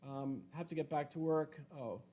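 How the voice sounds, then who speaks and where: A man in his sixties, a climbing coach hosting a casual live question-and-answer show from a room at home, relaxed and thinking aloud with many fillers. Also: a little high, normal speed. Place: home room with shuttered windows. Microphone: webcam video call framing.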